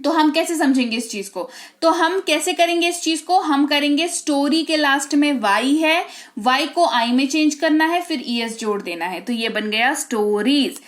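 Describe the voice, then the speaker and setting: A woman's voice: sits high, animated, normal speed. A woman teaching English spelling and silent letters, explaining step by step and often checking in with her students. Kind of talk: Hindi-language English lesson.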